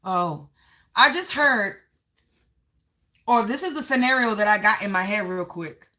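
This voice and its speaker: A woman's voice: mid-range voice, expressive, a little slow, bright, forceful tone. A woman giving a live psychic reading, narrating visions as they come to her, repeating phrases and stretching out key words for emphasis. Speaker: psychic reader.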